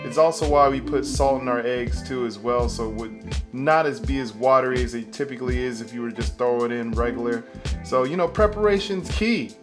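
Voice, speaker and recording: A man's voice: mid-range voice, a little fast, music in the background. A man hosting a casual cooking tutorial, talking the viewer through each step with playful, jokey asides. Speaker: cooking video host.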